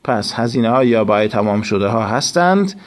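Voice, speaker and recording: Man teaching English slowly. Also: on the low side, animated. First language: Persian. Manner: slow, deliberate reading of English phrases, then explains in Persian. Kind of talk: recorded class lesson.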